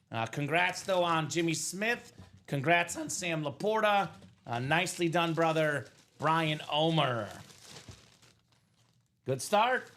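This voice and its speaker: Upbeat high-voiced man hosting a live break. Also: a bit bright. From Bulgaria. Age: 30s. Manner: upbeat, hype-style, calls viewers brother. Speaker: host of a live sports card break show. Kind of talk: live stream sales chat.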